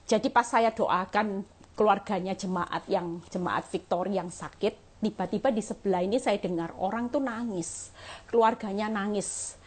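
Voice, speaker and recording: A middle-aged woman evangelist giving an earnest, encouraging sermon and testimony, often calling listeners "saudara" and fading soft at the ends of phrases. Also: medium pitch, moderate pace. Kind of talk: sermon shared on a livestream.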